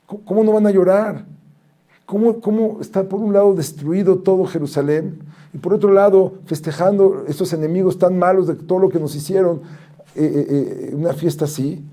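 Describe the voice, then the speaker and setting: A man, a rabbi, giving a lesson as an animated storyteller who reads out Hebrew and Aramaic quotes. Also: high voice, normal speed. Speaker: rabbi teaching.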